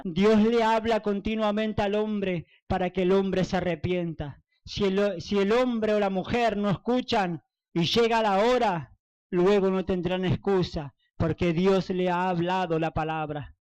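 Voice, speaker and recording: A man's voice: sits high, fairly even intonation, a little slow, a little mellow, smooth, poor audio. A male evangelist giving a fervent testimony sermon, repeating phrases for emphasis. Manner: fervent and repetitive.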